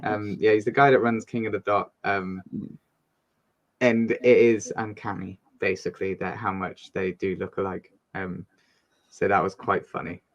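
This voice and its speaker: A man's voice: deep voice, flat delivery, normal speed, dull audio, noisy background. Hesitant man reacting casually. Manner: hesitant, rambling, lots of ums. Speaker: reaction video host. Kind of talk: casual chat.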